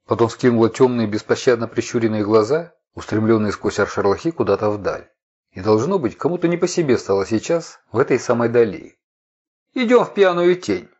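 A man's voice: fairly low pitch, fairly quick, darkish tone, slightly rough. A man reading a novel aloud as an audiobook narrator, telling the story expressively. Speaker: audiobook reader. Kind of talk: scripted narration. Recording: dull lo-fi recording.

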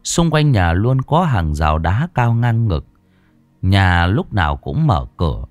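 A man narrating an audiobook story in an expressive, storytelling way. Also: low-pitched, a little slow, dry recording, faint music behind. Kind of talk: scripted narration.

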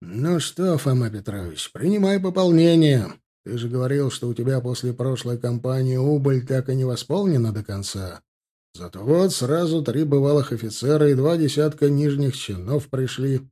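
A pompous old general with a booming voice and a dark, mellow tone delivers rousing speeches to a regiment, as an audiobook narrator plays him. He speaks in a grand, speechifying manner. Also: lively intonation, normal speed, lightly acted. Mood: jovial. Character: pompous older male general, regiment chief.

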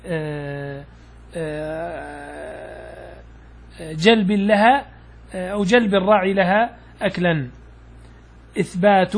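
A man, an Islamic scholar, teaching jurisprudence in a patient, explanatory lecture, pausing with fillers and asking questions he answers himself. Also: high-pitched. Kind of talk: classroom lecture explaining a text.

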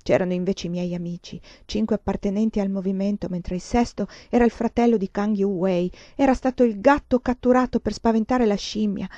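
Shaken young husband, read by a woman, halting, anguished, dry muffled recording. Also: a little high, warm tone, no echo, close to an everyday voice. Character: distraught feverish young husband.

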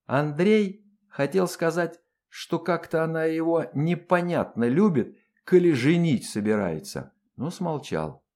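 Expressive male audiobook narrator. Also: on the high side, unhurried, few pauses. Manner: storytelling, colloquial delivery.

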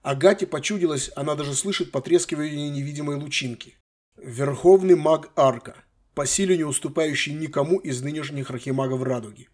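A man reading a fantasy novel aloud in a measured, expressive way. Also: on the high side. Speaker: audiobook narrator. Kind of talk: scripted fantasy narration.

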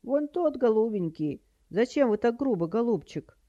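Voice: medium pitch, sing-song, moderate pace, mellow, lo-fi sound, pitched above the performer's own voice, natural voice. A narrator voicing a feeble old woman who plays senile, with a quavering, doddering voice and a fussy, dithering manner. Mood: pleading.

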